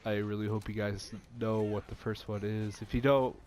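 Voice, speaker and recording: Speaking at a moderate pace in a fairly low, slightly mellow voice with a level tone, a young man hosts a gaming channel. He chats casually about video games with a stuffy nose, rambling and frequently starting over amid many fillers.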